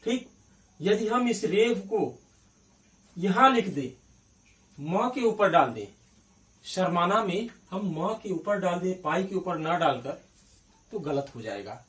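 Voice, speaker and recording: A man's voice: on the high side, expressive, slow, pauses often, recorded from a distance. A man teaching Hindi grammar at a board, explaining step by step, spelling out syllables and asking checking questions. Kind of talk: classroom-style grammar lesson at a board.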